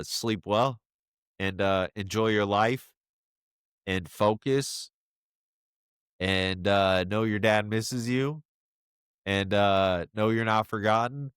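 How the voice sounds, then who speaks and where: A father speaks straight to his young son in a personal video message, choked up and halting, leaning on fillers as he searches for words. His delivery is very slow and unhurried, and the sound is dry and close with no room around it. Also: fairly low pitch, fairly bright tone, smooth, no echo. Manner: halting and emotional, many fillers.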